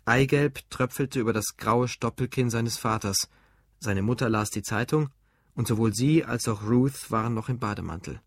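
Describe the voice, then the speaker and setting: A male audiobook narrator with a husky, breathy voice, reading in a steady, measured way. The recording is close and dry, with no room sound. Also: medium pitch, no echo. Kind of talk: scripted narration.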